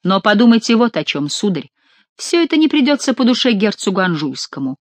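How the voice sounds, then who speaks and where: A woman's voice: medium pitch, sing-song, brisk, dry recording. A woman voicing a cruel, jealous count in an audiobook, speaking in a menacing, snarling way.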